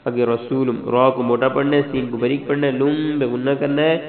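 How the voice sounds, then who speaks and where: A man teaching Quran recitation rules, going slowly and precisely through each letter. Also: mid-range voice, little pitch movement. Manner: slow, precise, spells out letter by letter. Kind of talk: tajweed lesson. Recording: tinny phone-like sound in an echoey room.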